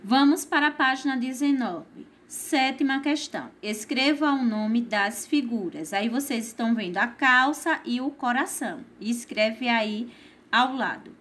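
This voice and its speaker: A woman with a Brazilian Portuguese accent teaching a primary school class, explaining each exercise slowly and patiently and checking in with "certo?" after her points. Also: fairly high pitch, a bit bright. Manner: slow, patient, tags lines with "certo?". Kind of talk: recorded remote class lesson.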